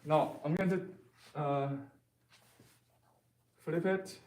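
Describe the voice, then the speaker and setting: A man who speaks natively gives an informal painting lesson. His delivery is slow and hesitant, with frequent searching for the right word. The room adds clear echo and he sounds a little distant from the microphone. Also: a little high, fairly even intonation, darkish tone. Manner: halting, hesitant, searching for words. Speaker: painting teacher. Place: classroom, indoors. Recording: roomy echo, voice off the mic.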